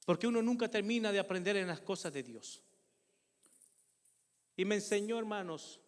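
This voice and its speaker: An older pastor's high voice rings through an echoing church hall as he preaches a sermon that includes personal testimony. Earnest and heartfelt, he tells his own story and keeps turning to the congregation, calling them brothers.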